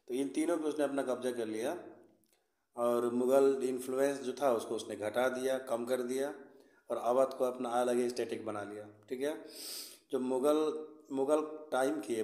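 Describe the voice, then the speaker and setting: Male history tutor, mid-pitched, patient explaining voice, recorded in an echoey room. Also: warm tone. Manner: repeats "theek hai", mixes English words. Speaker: history teacher. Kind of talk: explanatory lesson.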